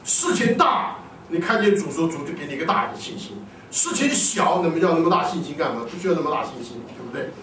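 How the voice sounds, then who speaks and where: Casting note: male preacher with a high voice, animated sermon delivery, distant mic in a reverberant hall. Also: fast, few pauses, slight background noise. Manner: animated, often asks the congregation questions and answers them himself.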